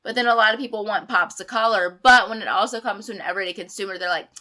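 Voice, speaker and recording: A young woman reviewing a beauty box in a chatty, emphatic way, hoarse and sick with a sore throat. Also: medium pitch, fast talker, sharp tone. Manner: chatty, emphatic, rambling asides. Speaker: beauty vlogger. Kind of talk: casual unboxing review.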